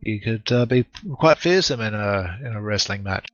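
A man's voice: lowish voice, expressive, normal speed, a bit bright, no room sound, muffled recording. A man playing a tabletop game, talking hesitantly with many fillers. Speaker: player.

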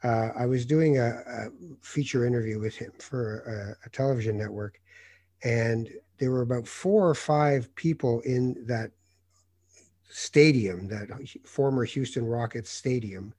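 A man from North Africa, a journalist hosting an interview, telling lively anecdotes with many hesitant fillers. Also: mid-range voice, a little slow. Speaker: host, journalist. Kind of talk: conversational interview storytelling.

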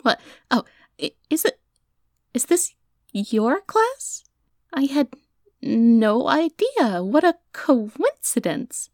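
A woman's voice: mid-range voice, normal speed, dry recording, studio quality, natural voice. An actress playing an awkward, earnest young woman with magic, rambling and hesitant as she records herself in an audio drama. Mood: flustered. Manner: rambling, hesitant, stammering when flustered.

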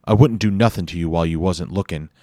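A man voicing a huge, hulking, masked male villain with a raspy New York accent and loud, swaggering talk. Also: sits low, quick pace, no room sound, studio quality, lightly acted. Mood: cocky.

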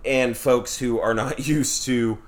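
A man co-hosting a podcast talks in a loose, casual way and drops swear words without a second thought. His voice sits at an ordinary middle pitch. He sounds at ease in an unscripted chat. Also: fairly even intonation, slow pace, over a noisy crowd. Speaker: podcast co-host.

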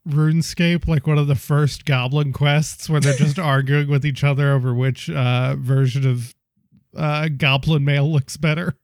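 A man's voice: fairly high pitch, little pitch movement, a little slow, no room sound, studio quality. A young man co-hosting a podcast, brainstorming casually with lots of fillers, restarts and laughter. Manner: rambling, laughs often, many fillers and restarts. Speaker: podcast co-host.

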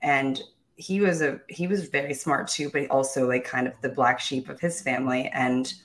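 With an extremely low pitch, a steady tone, and a moderate pace, a young woman tells her personal story during an interview. She comes across as positive and sure of herself, laughing lightly and restarting phrases as she speaks openly.

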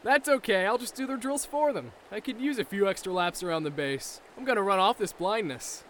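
A man's voice: sits high, lively intonation, a little fast, fairly bright tone, slight background noise. A man playing a dim-witted, cheerful soldier who talks in an oblivious, dopey way, in a comedic audio drama.

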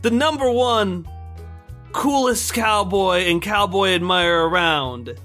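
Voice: medium pitch, animated, takes it slowly, fairly bright tone, soft background music. A player voicing a boastful cowboy agent who introduces himself in a grand, showy monologue. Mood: swaggering.

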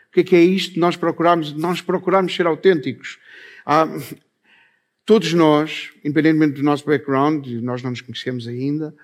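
A man with a Portuguese accent speaks from a stage in a slightly high voice. He talks thoughtfully and pauses often between phrases. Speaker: improv teacher giving a talk. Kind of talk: stage talk. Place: on a stage before an audience.

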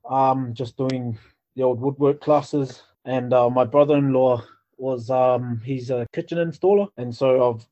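Flat-toned Kiwi man, slightly muffled. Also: medium pitch, a little slow. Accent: New Zealand. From New Zealand. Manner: laid-back, informal. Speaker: podcast guest, builder. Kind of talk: casual chat. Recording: slightly dull, lo-fi sound.

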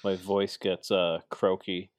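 This podcast host speaks slowly in a low, level-toned voice, chatting casually and rambling with plenty of fillers and restarts. The sound is clean studio audio with no room sound.

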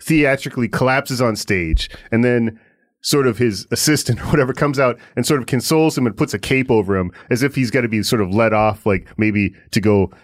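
A man's voice: mid-range voice, fairly quick, dry recording, clean studio sound. A man co-hosting a podcast, rambling casually about music and often restarting his sentences. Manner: rambling, hesitant, with frequent restarts and laughs. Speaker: podcast co-host.

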